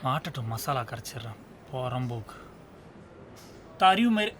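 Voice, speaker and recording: A man's voice: medium pitch, sing-song, moderate pace, natural voice. An actor playing a possessive, jealous young college man in a short film drama, pleading and calling after his girlfriend. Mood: sneering. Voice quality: pleading, then shouting after her. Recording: film soundtrack with loud music.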